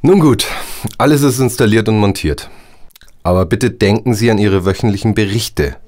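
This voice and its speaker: An actor playing a businesslike male housing-company system administrator who talks briskly and brushes off complaints. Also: lowish voice, darkish tone, natural voice. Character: smooth male company technician, brisk and dismissive.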